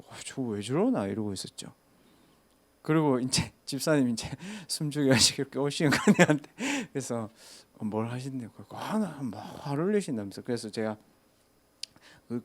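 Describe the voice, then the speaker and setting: A man's voice: mid-range voice, a little mellow. A man, a pastor telling a story in a casual sermon and asking listeners rhetorical questions. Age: 30s.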